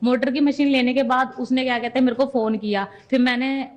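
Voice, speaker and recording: A woman's voice: high voice, steady tone, a little fast. A young woman giving an earnest personal testimony as a devotee, retelling conversations step by step.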